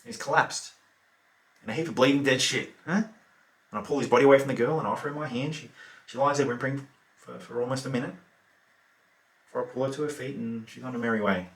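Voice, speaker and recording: A man's voice: mid-range voice, fast, pauses often, fairly bright tone, far from the mic, lightly acted. An Australian actor performing a monologue as a remorseless, lazy male killer, talking in an offhand, laconic way full of fillers. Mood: offhand calm. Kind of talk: theatrical monologue. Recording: roomy echo.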